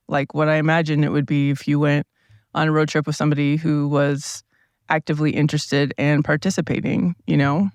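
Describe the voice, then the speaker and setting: A man hosting a casual solo podcast from inside a parked RV, rambling along in a relaxed, meandering way with his low morning voice. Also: creaky, no room sound, clean studio sound. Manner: meandering, relaxed, thinking aloud with many asides. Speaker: podcast host. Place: seated at a table inside a parked RV. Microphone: small mic powered by a tablet.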